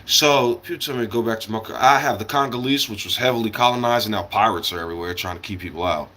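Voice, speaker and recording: An American live streamer delivers a casual, rambling monologue, blunt and opinionated, swearing and drifting into asides. His voice is on the low side, quick, pushed and bright.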